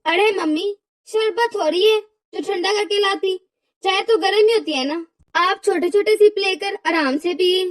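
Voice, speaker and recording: A woman's voice: very high voice, unhurried, dry recording, distant mic. A woman voicing a put-upon young daughter-in-law in a cartoon, explaining herself in an exasperated, pleading way. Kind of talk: cartoon voice acting.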